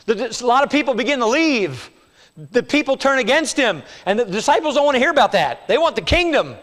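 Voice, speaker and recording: Man, pastor, high voice, sermon, hushed then emphatic, long church reverb. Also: very animated, brisk. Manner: expository preaching, swinging between hushed low lines and raised emphatic ones. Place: church sanctuary.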